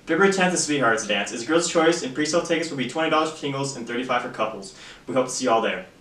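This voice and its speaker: A man's voice: mid-range voice, lively intonation, very fast, a bit bright. A teenage young man co-anchoring school announcements, reading the news items from a script. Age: teens. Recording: echoey room, distant mic.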